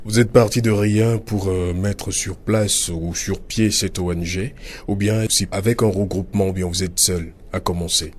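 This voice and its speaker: Deep-voiced radio host. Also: male voice, a little hiss or hum. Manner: energetic announcer, halting with fillers. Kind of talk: radio interview.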